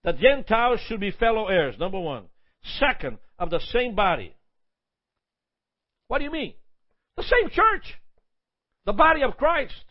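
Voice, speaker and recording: High-voiced preacher, dull lo-fi sound. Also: male voice, very animated, measured pace, pauses often. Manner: emphatic preaching with lists and repeated phrases; stumbles and repeats words. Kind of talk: sermon.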